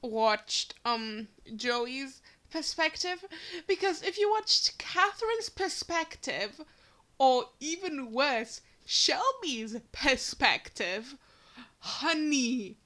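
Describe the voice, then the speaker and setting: A woman's voice: high-pitched, big pitch swings, slow, pushed and bright. A woman ranting in a fan vlog, exasperated and swearing, with many fillers and a cracking voice. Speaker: fan commentator.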